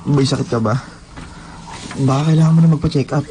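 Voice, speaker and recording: A man playing a worried, fast-talking coworker. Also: fairly high pitch, background noise, natural voice. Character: friendly concerned male coworker. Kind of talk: radio drama acting.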